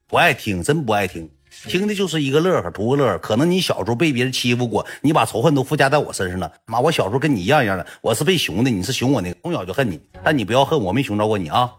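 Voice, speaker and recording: A young man with a Northeastern Mandarin accent tells a story on a livestream, blunt and chatty. His voice is husky and of ordinary pitch. He talks quickly, piling phrases on one another. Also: very animated.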